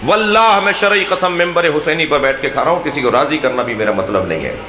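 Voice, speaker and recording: A man with a Pakistani Urdu accent, preaching an impassioned sermon to a gathering, swinging between loud declamation and low, earnest speech. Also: expressive, noisy background. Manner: oratorical, rising to loud declamation then dropping low. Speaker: Shia cleric addressing a majlis. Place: large imambargah hall. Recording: echoey hall with long reverb.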